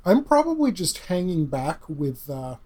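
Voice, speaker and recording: A man with a slightly high voice playing a tabletop role-playing game. He explains his character's choices in a dry, wordy way, stammering at times. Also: big pitch swings, measured pace, mellow. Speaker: player. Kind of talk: casual tabletop game play.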